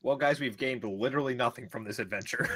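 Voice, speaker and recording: Male player, husky voice, jokey and giggly. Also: mid-range voice, fairly quick, bright, forceful tone. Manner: joking, laughs often. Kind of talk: casual tabletop game chat.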